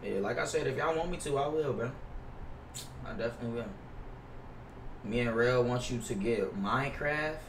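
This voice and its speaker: Pausing often at a normal speed, this young American game streamer speaks in a mid-range voice. His casual talk to viewers is slangy, profane, and repetitive. The clip comes from a gaming headset mic at his indoor setup, sounding distant and roomy with noise.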